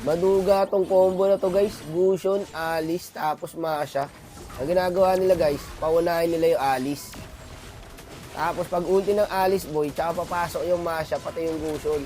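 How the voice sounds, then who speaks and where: A man with a hoarse voice from a cold, chatting casually to viewers while commentating a mobile game match. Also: fairly high pitch, steady tone, moderate pace, dark tone, faint music behind. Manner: chatty, slangy, addresses viewers often. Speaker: gaming commentator.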